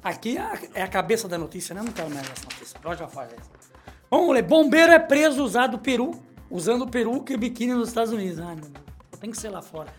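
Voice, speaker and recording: A middle-aged man hosts a comedic radio show. He jokes, rambles and reads news items aloud in a small studio, with his pitch swinging up and down as he talks. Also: lively intonation, quick pace, faint music behind. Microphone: studio microphone.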